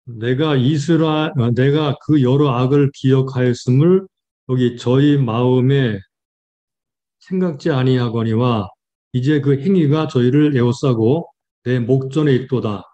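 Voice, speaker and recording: Dark-voiced pastor teaching scripture. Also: male voice, mid-range voice, highs cut off. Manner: reads verses slowly, then explains with fillers. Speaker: pastor teaching Bible study. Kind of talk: Bible study lecture.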